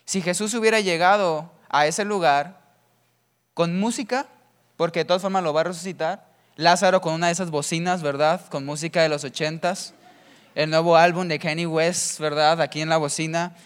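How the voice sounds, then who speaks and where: A man's voice: fairly high pitch, steady tone, moderate pace, smooth. A man preaching a sermon full of humorous stories, chatty and always checking in with the listener. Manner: chatty, keeps asking ¿verdad?.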